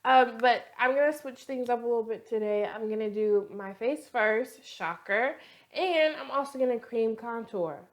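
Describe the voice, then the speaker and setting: A woman beauty vlogger with a cold-roughened, hoarse voice, chatting and rambling playfully through a makeup tutorial. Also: on the high side, moderate pace. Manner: talkative, rambling, playful asides.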